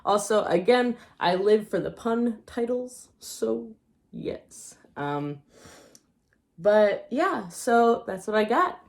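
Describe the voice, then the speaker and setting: Taking things slowly with lively intonation at a medium pitch, a woman talks through a casual book haul on her channel. As a book vlogger whose voice is fraying and who is losing it, she wanders off track, hedges and doubts her own details.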